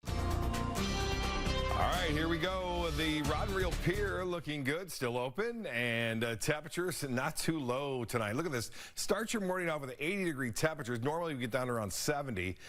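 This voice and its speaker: A man's voice: on the high side, lively intonation, normal speed, a bit bright, faint music behind. A man presenting a local TV weather forecast in a folksy, conversational, unscripted way.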